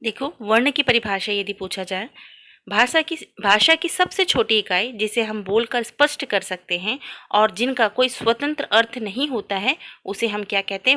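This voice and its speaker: This woman's voice is a little high and sharp-toned. She's teaching grammar in classroom style, putting questions to her students, answering them herself, and stretching sounds out as demonstrations.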